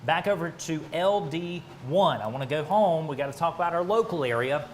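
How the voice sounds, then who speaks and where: A man's voice: a little high, animated, a little fast, slight background noise. An American man giving live, ad-libbed severe weather coverage, speaking urgently and emphatically with direct appeals to listeners. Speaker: weather broadcaster.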